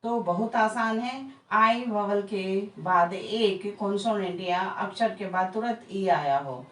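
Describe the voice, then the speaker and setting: A woman teaching pronunciation in a slow lesson, explaining rules step by step and repeating example words one at a time. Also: mid-range voice. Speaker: English teacher. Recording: echoey room, from a distance, faint background noise.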